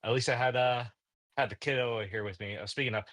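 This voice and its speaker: A man's voice: mid-range voice, steady tone, fast talker, fairly bright tone, dry recording, lightly acted. A man voicing a friendly, easygoing brother-in-law in a tabletop game, rambling with many fillers. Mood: jovial. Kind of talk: in-character tabletop role-play.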